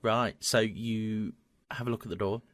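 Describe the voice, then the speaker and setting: A man running a tabletop game as dungeon master, halting and restarting often. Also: fairly low pitch, level tone, fairly bright tone, dry recording. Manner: halting, with many restarts and fillers.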